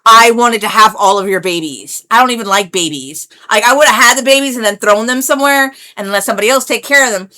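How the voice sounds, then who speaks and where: A woman's voice: a little high, fast, hardly any pauses, bright, forceful tone. A woman, rambling through a brash, profane, casual vlog monologue. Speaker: vlogger.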